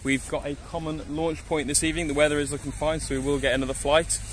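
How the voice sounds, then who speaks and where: A man's voice: on the high side, flat delivery, fast talker, a little hiss or hum. A young man presenting outdoors on a grass field, talking upbeat and explaining things, recorded on a phone held at arm's length. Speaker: event presenter. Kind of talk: on-location presenting.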